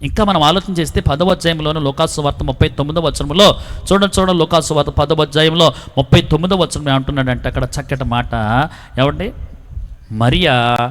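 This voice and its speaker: A man's voice: fairly high pitch, fairly bright tone. A male pastor preaching a sermon to a village gathering, telling folksy stories and calling for praise. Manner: storytelling preacher, repeatedly calls for praise. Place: outdoor gospel meeting with long reverb. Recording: long hall reverb.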